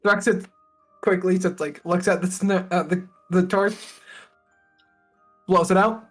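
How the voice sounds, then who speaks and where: A woman's voice: lowish voice, fairly even intonation, measured pace, soft background music. A woman player in casual tabletop role-play chat, jokey and exclaiming, given to swearing.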